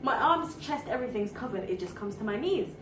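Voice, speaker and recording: A young woman with a fairly high voice tells her story with dramatic flair. She is some way from the mic in a reverberant room. A steady hiss sits clearly behind her. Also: a little fast, recorded from a distance. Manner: dramatic storyteller, acts out her own thoughts. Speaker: vlogger. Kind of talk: casual story time.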